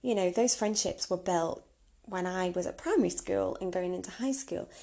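Her voice sits on the low side, dark and creaky, at a normal speed. Around thirty and hosting a podcast alone, she shares informal advice with chatty candor and plenty of rhetorical questions.

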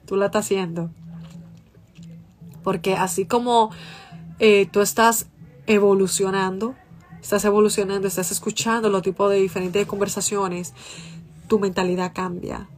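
A woman hosting a casual livestream, speaking passionately and emphatically while addressing her viewers directly and answering their comments. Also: medium pitch. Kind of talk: casual live chat.

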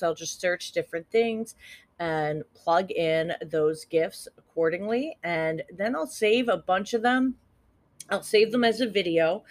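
A woman hosting a podcast on her own, giving social media tips in a chatty, upbeat way and laughing at her own jokes. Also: on the low side. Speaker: podcast host. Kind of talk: casual solo podcast tips.

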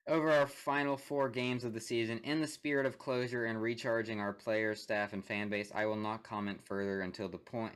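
Brief: young guy, lowish voice, casual sports chat, laughs a lot. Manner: laughs often, reads statements aloud with asides. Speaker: podcast co-host.

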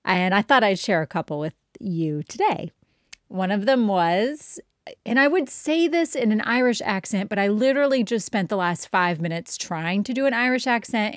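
A woman's voice: medium pitch, no room sound, studio quality. A woman in her thirties from Indiana, a podcast host and art teacher, talking in a chatty, self-deprecating way and often saying "like". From Indiana, United States. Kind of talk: casual podcast monologue.

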